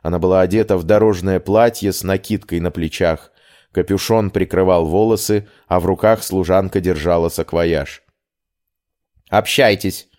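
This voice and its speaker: A man reads a first-person fantasy audiobook in a measured, even way. His voice sits low. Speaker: audiobook reader.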